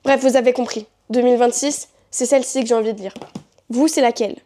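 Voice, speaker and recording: A young woman chatting about books straight to her camera. Her voice sits a little high but sounds soft and mellow. She rambles playfully and corrects herself often. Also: fairly even intonation, fast. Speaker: book vlogger. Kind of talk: casual chat to camera.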